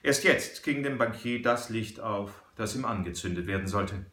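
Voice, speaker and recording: A male narrator reading an adventure story in a steady storytelling delivery. His voice is bright and forceful, recorded with a roomy echo. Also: on the low side, moderate pace. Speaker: audiobook narrator. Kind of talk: scripted narration.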